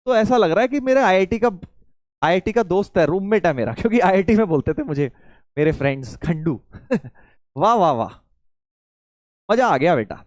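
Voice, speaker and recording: Lively, playful Hindi maths teacher man. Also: sits high, dry recording, clean studio sound. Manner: playful, teasing, calls students "beta"; slows right down to spell out steps. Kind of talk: live online class.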